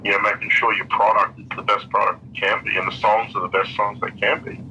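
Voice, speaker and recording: A man with a lowish, very forceful voice gives earnest opinions in an interview. The sound is a little lo-fi with faint noise behind. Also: flat delivery, fast talker.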